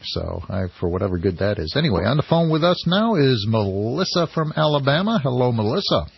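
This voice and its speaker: An American man with a husky voice hosting radio talk in a loose, halting, informal way. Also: medium pitch, sing-song, no echo. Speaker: fill-in radio talk host. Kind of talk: loose, ad-libbed radio talk with read-out news. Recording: dry, dull lo-fi radio broadcast.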